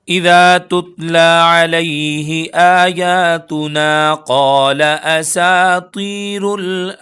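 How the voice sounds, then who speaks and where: Male tajweed teacher, slightly high voice, unhurried, recites syllable by syllable and then explains the rule. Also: sharp tone. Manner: slow drawn-out chanting for recited verses. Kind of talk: tajweed lesson with slow recitation.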